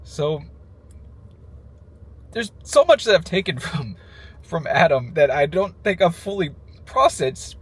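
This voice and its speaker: Emotional, high-voiced man in a heartfelt tribute. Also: slightly rough. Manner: emotional, halting, with nervous little laughs breaking into phrases. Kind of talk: heartfelt personal tribute, casual monologue.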